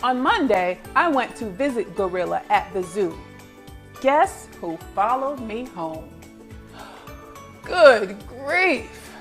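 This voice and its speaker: Reading aloud to young children, a woman teacher speaks at a measured pace in a medium pitch, shifting between clear instructions and expressive storybook narration. Soft music plays in the background.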